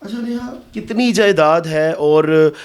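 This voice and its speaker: A man's voice: a little high, animated. A man from Pakistan interviewing a guest, asking probing, sympathetic questions.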